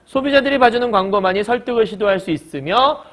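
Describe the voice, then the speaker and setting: A man's voice: high-pitched, fast, fairly bright tone. A man teaching a recorded lecture, who explains each point by asking his students questions and answering them himself. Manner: acts out short quoted lines in a raised voice. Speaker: Korean language teacher.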